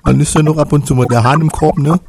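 A man chatting casually as a radio guest, joking and giving short relaxed answers. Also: a little high, quick pace, gravelly, over a noisy crowd. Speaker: studio guest.

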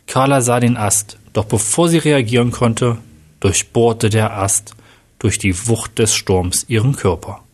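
A man narrating a story in a plain, steady reading style with a husky voice. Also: mid-range voice, a little slow.

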